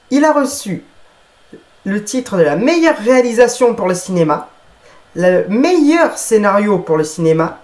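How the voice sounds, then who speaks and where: A man presenting a film review from a script, reading carefully and correcting himself now and then. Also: extremely high pitch. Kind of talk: scripted narration.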